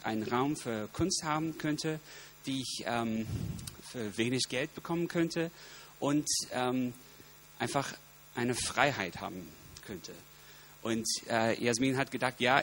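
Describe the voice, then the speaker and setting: A man with an American accent and English as his first language gives an informal personal talk, halting as he searches for words in a language not his own. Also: medium pitch, poor audio. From United States. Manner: halting, searching for words in non-native grammar. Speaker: guest speaker, singer-songwriter. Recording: steady electrical hum behind voice.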